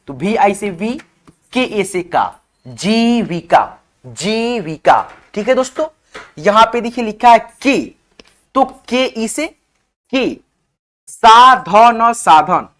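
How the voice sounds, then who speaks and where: A man teaching an online spelling lesson, slowly spelling words out letter by letter and often checking in with his viewers as friends. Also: high-pitched. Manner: often says "okay, friends". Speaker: English teacher.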